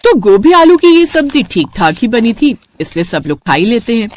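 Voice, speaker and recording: कहानी सुनाती महिला कथावाचक. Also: female voice, on the high side, very animated, normal speed. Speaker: narrator. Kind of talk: scripted storytelling.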